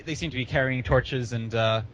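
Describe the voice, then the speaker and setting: A man running a tabletop game as game master, halting and restarting as he explains what happens. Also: medium pitch, steady tone, fairly bright tone.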